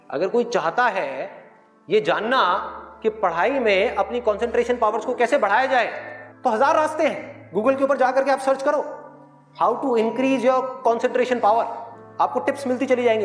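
Male motivational speaker, high-pitched, rhetorical and playful, recorded live in a reverberant hall. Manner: rhetorical, playful, questions the audience. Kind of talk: live motivational talk to students. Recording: echoey hall, live audience, faint music.

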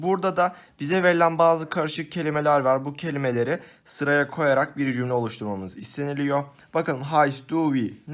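Male teacher, mid pitch, patient step-by-step exam walkthrough. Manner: patient, step-by-step explaining, addresses students as friends. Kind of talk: exam-prep lesson walkthrough.

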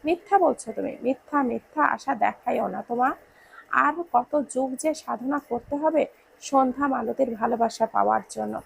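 A woman voicing a young man in a romance story, desperate and pleading, then gruff and commanding. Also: a little high, moderate pace, full character voice, low-quality recording. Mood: disbelieving. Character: grieving young man pleading for his love.

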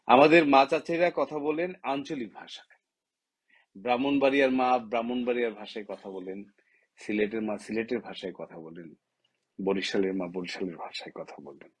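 A husky-voiced man speaks straight to the camera, a writer from Bangladesh making his case. He keeps firing impassioned rhetorical questions at his listeners. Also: medium pitch, moderate pace. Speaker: writer giving a talk. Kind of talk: direct-to-camera opinion talk.

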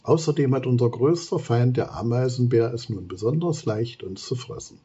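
A man reading aloud, voicing a worried female termite queen who talks anxiously, in a husky voice. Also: medium pitch, normal speed, dark tone, dull audio. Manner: anxious, pleading.

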